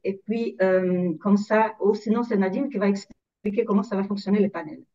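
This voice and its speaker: A woman's voice: mid-range voice, fairly even intonation, moderate pace, mellow, distant mic, highs cut off. A woman moderating an online panel off the cuff, hesitant and repeating words as she goes. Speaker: webinar moderator.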